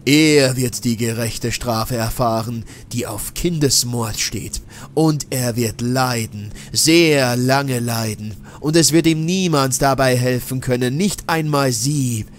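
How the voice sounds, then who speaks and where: Brief: man playing a scheming old male madman for a horror audiobook, slow, sneering, menacing delivery, drawn-out words. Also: mid-range voice, a little hiss or hum, lightly acted. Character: eerie old man, a scheming vengeful mad scientist.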